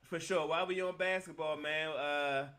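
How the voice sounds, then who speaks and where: A man co-hosting a sports podcast, laid-back and halting, with plenty of fillers as he leads into topics. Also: on the high side, fairly even intonation, a loud crowd. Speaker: podcast co-host. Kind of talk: casual sports chat.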